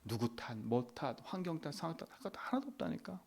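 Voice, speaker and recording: A man's voice: fairly high pitch, big pitch swings, a little fast, gravelly, a little mellow, husky. A middle-aged male pastor preaching at a dawn prayer service, emphatic, with rhetorical tag questions and whispered prayers.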